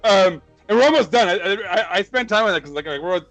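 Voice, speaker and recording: A man's voice: sits high, brisk, faint music behind. A man hosting a football podcast, an English teacher, talking loosely with lots of fillers, laughs and swearing. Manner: animated, laughs often, swearing, many fillers. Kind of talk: casual podcast chat.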